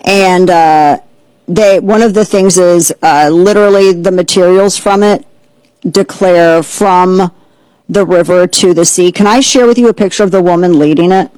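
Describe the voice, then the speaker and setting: A woman hosting an opinionated political commentary show, sarcastic and mocking, with quick asides. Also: lowish voice, darkish tone, smooth, dry recording, rough recording. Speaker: host.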